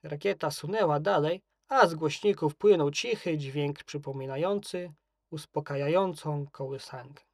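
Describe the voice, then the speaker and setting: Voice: mid-range voice, normal speed, darkish tone, dry recording, clean studio sound. A narrator reading a children's story aloud.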